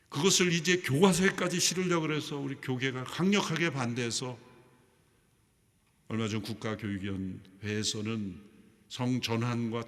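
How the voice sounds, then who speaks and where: A man's voice: mid-range voice, fairly bright tone. A middle-aged man preaching a sermon as senior pastor, emphatic, with his voice rising sharply on key phrases. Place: large church sanctuary. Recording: long hall reverb.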